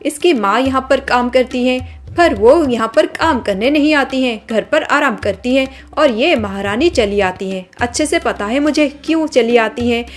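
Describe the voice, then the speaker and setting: A woman's voice: on the high side, lively intonation, normal speed, hardly any pauses, lightly acted. A woman doing a spoiled, sneering young woman. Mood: haughty scolding. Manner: scornful, scolding, sneering. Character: arrogant spoiled young woman, rich daughter.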